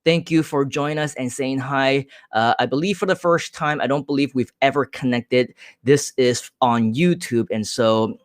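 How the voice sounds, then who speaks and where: A man's voice: medium pitch, moderate pace, hardly any pauses, no room sound, studio quality. A man from Hong Kong hosting a live stream, answering viewer comments in an upbeat, direct way with frequent filler sounds.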